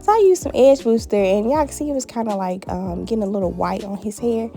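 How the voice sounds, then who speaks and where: Faint music plays behind a woman speaking fast at a medium pitch while she vlogs a hair tutorial in a family home. She's playful and animated, addressing viewers as "honey" and "baby" in a chatty, direct way.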